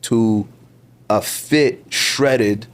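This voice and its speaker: A very slow, mid-range male voice belongs to a Toronto-accented man in his twenties from Ontario, Canada. He's a podcast guest in a casual interview, speaking emphatically and motivationally, repeating words for stress and calling the host "bro."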